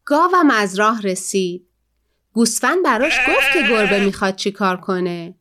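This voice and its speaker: A woman reading a children's story aloud, narrating expressively and giving the animals lively voices. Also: medium pitch.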